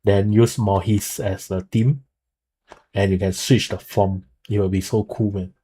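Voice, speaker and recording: Husky, low-voiced man explaining as he goes. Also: level tone, mellow. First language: not Mandarin; speaks it haltingly. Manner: halting, explanatory, with frequent okay and so. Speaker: streamer and video creator explaining a game. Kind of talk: casual live commentary translating an article.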